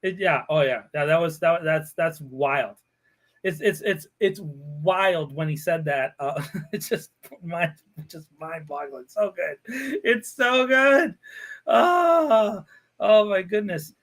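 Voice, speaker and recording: A man hosting a podcast, ranting in a sarcastic, animated way with frequent laughter. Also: on the high side, takes it slowly. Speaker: podcast host. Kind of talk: casual podcast chat.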